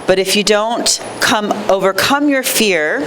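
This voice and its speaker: A woman's voice: medium pitch, unhurried. A woman speaking as an activist at an outdoor rally, urgent and exhorting in her political speech. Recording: clear street and traffic noise.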